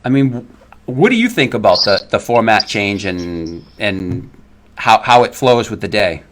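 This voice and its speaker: A man's voice: fairly low pitch, very animated, unhurried, a bit bright. Chatty male podcast host. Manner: chatty, laughs easily, storytelling. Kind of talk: casual podcast conversation.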